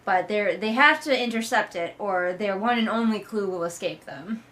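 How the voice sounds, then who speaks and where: A woman hosts a read-along with casual comedic commentary, sounding sarcastic, emphatic and exasperated while swearing conversationally. Her voice is mid-range, fairly bright, and at a normal speed.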